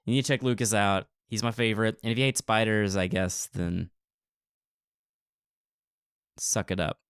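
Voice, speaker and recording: A man co-hosting a podcast in casual chat, excitable and playfully teasing. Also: on the low side, normal speed, smooth, dry recording, clean studio sound. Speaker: podcast co-host.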